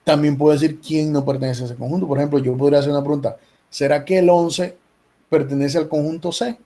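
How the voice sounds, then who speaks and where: A man's voice: on the high side, steady tone, quick pace, dark tone. A male professor explaining set theory patiently in an online class, often checking in with his students. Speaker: math professor. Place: video call meeting.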